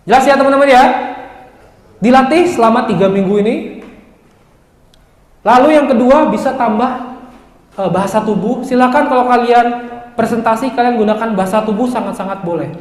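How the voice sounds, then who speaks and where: High-voiced joking young male lecturer. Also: normal speed, long pauses. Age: 20s. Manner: lively, joking, addresses students directly. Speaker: university lecturer. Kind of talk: classroom lecture. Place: large classroom. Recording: echoey classroom with long reverb.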